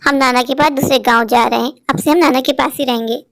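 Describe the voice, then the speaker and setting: A woman's voice: high voice, steady tone, quick pace, fairly bright tone, dry recording, studio quality, voice pushed down. A woman voicing a harsh young mother in a cartoon story, scolding curtly. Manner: scolding, curt. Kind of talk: dubbed Hindi cartoon story.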